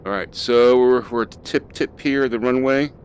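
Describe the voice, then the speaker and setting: A man's voice: mid-range voice, moderate pace, a little hiss or hum. A man casually talking through a flight simulator session, thinking aloud with fillers as he flies. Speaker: flight sim streamer. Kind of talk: casual gameplay commentary.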